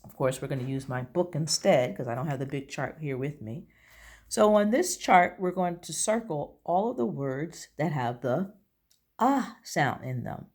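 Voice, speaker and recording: A woman's voice: low-pitched, animated, normal speed, a little mellow. A woman teaching a phonics lesson to young children, patiently drawing out each letter sound. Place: at home.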